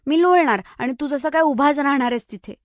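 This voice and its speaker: A woman puts on a lively little schoolgirl in a storybook, high and eager, calling out with excitement. The voice sits close and dry. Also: moderate pace, dry recording, close to an everyday voice. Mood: sulky. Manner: excited, calls out loudly.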